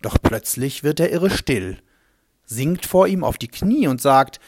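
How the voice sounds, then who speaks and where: A man's voice: mid-range voice, animated, unhurried, slight background noise. A man playing a humble swineherd who tells his story in a reflective, vivid way. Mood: thoughtful. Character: humble male swineherd recalling a strange day. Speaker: first-person narrator. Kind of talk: dramatic storytelling monologue.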